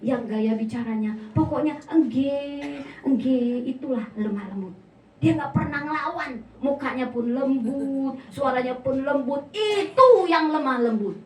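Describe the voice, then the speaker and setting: A high-pitched woman pastor preaches with lively, playful humor, slipping into small comic voices. She sounds a little way off from the mic, and her voice rings through an echoey church hall over a faint room hum. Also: unhurried, distant mic. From North Sumatra, Indonesia. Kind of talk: sermon.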